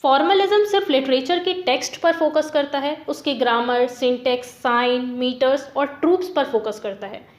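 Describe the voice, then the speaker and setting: A woman's voice: high-pitched, normal speed, hardly any pauses, reverberant. A woman teacher explaining literary terms step by step, repeating points and giving examples.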